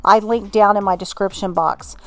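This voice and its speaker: A middle-aged woman, host of a home organizing channel, calmly narrating a scripted voice-over with friendly instructions. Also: medium pitch, normal speed. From Texas.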